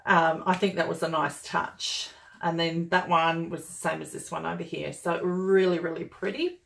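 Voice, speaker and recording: Excited woman doing a planner unboxing vid, lots of oh my gosh energy, a bit of vocal fry. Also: lowish voice, moderate pace. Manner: gushing and enthusiastic, chatty with fillers. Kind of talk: casual unboxing review.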